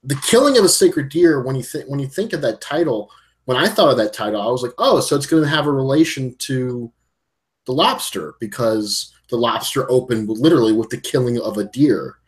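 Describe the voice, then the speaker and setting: A man's voice: mid-range voice, lively intonation, fairly quick. A man chatting on a podcast, recounting a plot in a loose, meandering way. He often doubles back and restarts his sentences as he talks. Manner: rambling, circling back mid-sentence. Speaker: podcast co-host. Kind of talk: casual chat recapping a film.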